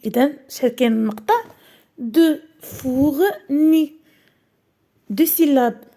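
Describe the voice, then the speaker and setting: A woman's voice: a little high, dark tone. A young woman teacher with a Moroccan accent, reading out a primary school French lesson word by word and explaining in Darija. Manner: slow, careful syllable-by-syllable reading, switching between French and Darija.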